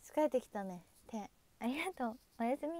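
A woman's voice: on the high side, animated, brisk, darkish tone, a little hiss or hum. A young woman chatting casually on a livestream, thanking viewers by name and saying goodnight. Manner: chatty, reads viewer names and thanks them, waves goodbye. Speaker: idol livestreamer.

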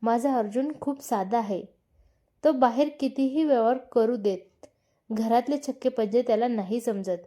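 A grave, kindly old father-in-law who gives slow, serious advice, as a woman reads him out. The voice is warm and mellow. He is heard in a spoken storybook. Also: a little high, close to an everyday voice. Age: older.

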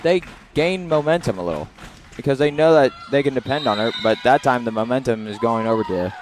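A man's voice: mid-range voice, lively intonation, a little fast, background noise. A young man giving casual, chatty color commentary on a volleyball match, with jokey asides. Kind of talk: live sports commentary.

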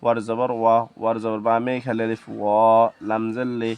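A man teaching Quran reading, naming each letter and vowel mark, then chanting the verse slowly. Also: on the low side, level tone, smooth, highs cut off. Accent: Bangladeshi Bengali. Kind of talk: slow spelling-out recitation lesson.

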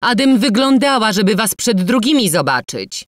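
A woman voicing a gray-haired peasant widow and mother who shouts and scolds loudly. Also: mid-range voice, very animated, moderate pace, dry recording, studio quality, voice pushed up, lightly acted. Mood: scolding.

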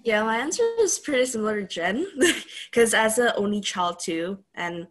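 A young woman from Indonesia chats on a video call, casual and giggly, peppering her talk with you knows. Her voice sits at a middle pitch. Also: expressive, normal speed, fairly bright tone. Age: young adult. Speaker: student panellist.

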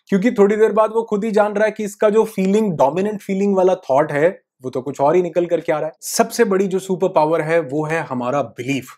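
A man's voice: high-pitched, a little mellow. A man coaching on the law of attraction in a motivational talk. He mixes English terms into his Hindi and repeats phrases for emphasis.

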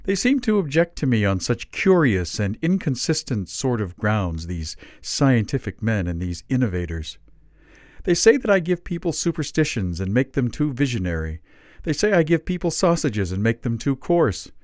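A man reading aloud gives a higher, weak and plaintive voice to a feeble, dying, mild old Father Christmas. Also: big pitch swings, normal speed, a little mellow, dry recording, clean studio sound, natural voice.

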